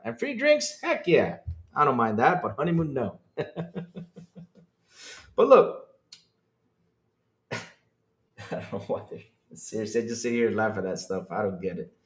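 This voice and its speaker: A man from the Dominican Republic hosts a casual gaming stream, chatting straight to his audience. He is animated and laughs often, jumping from loud exclamations to low mumbles. His voice rings with a roomy echo. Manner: animated, laughing, swings between loud outbursts and mumbled asides. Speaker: podcast host. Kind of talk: casual livestream chat.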